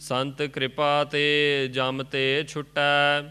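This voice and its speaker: A man recites scripture in a slow, drawn-out chant, line by line. His voice is bright and very clear, with a higher pitch than most men. The melody stays narrow and even. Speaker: student reciter.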